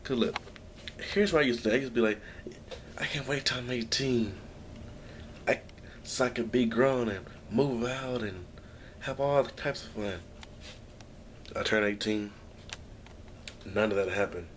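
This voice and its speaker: This young vlogger speaks to the camera from home, drifting through a downbeat personal ramble with frequent restarts and sighs. His voice is mid-range and unhurried, he pauses often, and a little hiss or hum sits under the recording.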